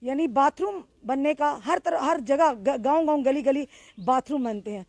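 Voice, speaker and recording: Woman field reporter, high voice, dry close sound, earnest appeal to the audience. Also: normal speed, a little mellow, no echo. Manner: soothing with a crying child. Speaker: local news reporter.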